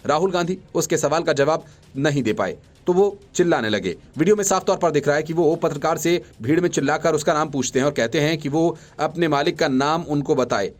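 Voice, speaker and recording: A man reading scripted news reports as a voice-over, in a brisk and emphatic bulletin style. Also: on the high side. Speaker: news reader.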